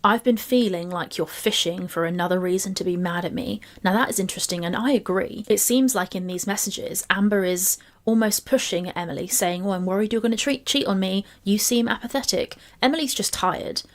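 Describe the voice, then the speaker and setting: A woman commenting on a couple's text messages, reading quotes aloud and analysing them in a measured, analytical way. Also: mid-range voice. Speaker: commentary channel co-host.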